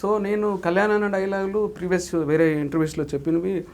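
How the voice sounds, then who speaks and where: A man's voice: high-pitched, level tone, quick pace, darkish tone. A man, an actor being interviewed, talking earnestly and politely with frequent restarts. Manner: earnest, calls the host "sir" constantly, frequent restarts. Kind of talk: casual interview talk.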